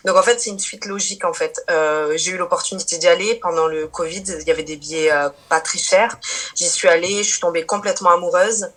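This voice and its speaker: Guest: a woman in her thirties, casual, chatty, quick to laugh. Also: lowish voice, fairly bright tone. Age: 30s. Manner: chatty, many fillers and restarts, laughs easily. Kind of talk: casual chat.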